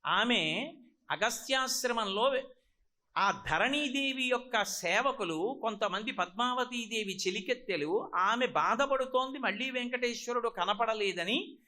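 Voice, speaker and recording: An older man with a Telugu accent gives a devotional discourse. His voice sits high and sounds bright and forceful. He tells the story with animation and slows to intone Sanskrit verses. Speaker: religious discourse speaker.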